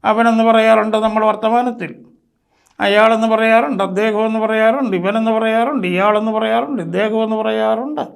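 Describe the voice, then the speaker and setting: A man teaches English grammar, working through his points patiently and one at a time. His voice sits fairly high and has a gravelly edge. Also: steady tone. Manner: explanatory, slow, listing terms one by one. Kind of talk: spoken English lesson.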